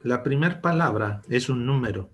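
A man's voice: medium pitch, lively intonation, normal speed, a bit bright, slightly rough. A man teaching English to children in an online class, patient and encouraging, mixing English and Spanish. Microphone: video call.

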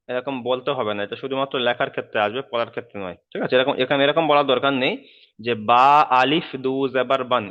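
A man teaches Quran reading, chanting Arabic letter spellings slowly in a sing-song drill. His voice is smooth and resonant at a middle pitch. The recording sounds somewhat dull and muffled.

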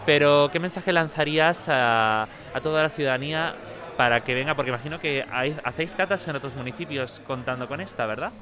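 A man's voice: on the high side, fairly quick. A man, speaking through a face mask as a local TV reporter, asking courteous, formal questions in an on-the-spot interview at an outdoor town festival with a handheld mic. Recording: loud crowd chatter around. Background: crowd chatter.

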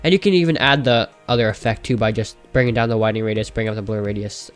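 A man with a nasal, pinched-nose voice casually narrating a software tutorial in an informal, enthusiastic way. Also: fairly low pitch, fast talker, faint music behind.

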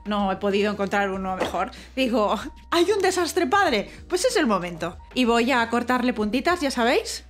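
A young woman with a Spain Spanish accent chats to her viewers while tidying and decorating, thinking aloud and breaking into small exclamations. Her pitch sits in a middle range. A faint layer of music plays underneath. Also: lively intonation, a little fast, few pauses. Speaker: home decor vlogger. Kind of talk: casual vlog chat to viewers.

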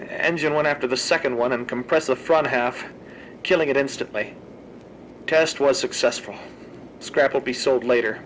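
Lightly acted and fairly bright, a medium-pitched male voice at a moderate pace delivers scripted audio-log narration for a horror fan drama. The character is a researcher coolly logging grim monster experiments, terse and clinical. There's a little hiss or hum on the low-quality recording.

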